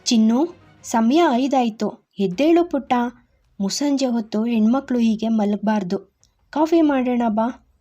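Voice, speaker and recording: A woman voicing a gentle, worried middle-aged mother who gives soft, coaxing advice. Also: a little high, expressive, unhurried, long pauses, highs cut off, soft background music.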